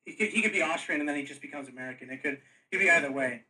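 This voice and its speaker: A man running a tabletop game as game master, explaining the setting in a halting, rambling way with frequent restarts. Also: fairly high pitch, distant mic, crowd noise, rough recording. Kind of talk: casual tabletop lore talk.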